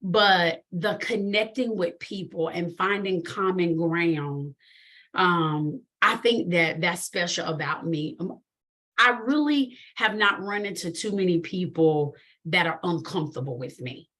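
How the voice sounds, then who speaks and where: Woman coaching client, thoughtful and affirming, lower pitch, slow delivery. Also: expressive. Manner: thoughtful, affirming, soft murmured agreement. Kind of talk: coaching session.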